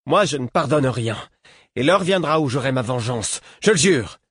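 A man's voice: mid-range voice, lively intonation, normal speed, breathy edge, no echo, clean studio sound. A man voicing a proud, vengeful woman rebel who speaks sharply and defiantly in an audiobook. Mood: scornful.

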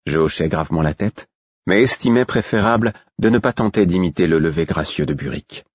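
A man reading a first-person novel aloud as an audiobook narrator, in a measured, expressive way. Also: low voice, slightly rough, no room sound, muffled recording.

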